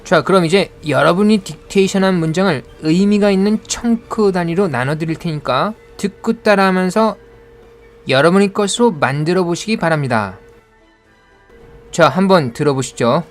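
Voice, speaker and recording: A man's voice: high-pitched, expressive, moderate pace, soft background music. A man teaching English pronunciation in Korean with a Korean accent, explaining patiently and modeling words.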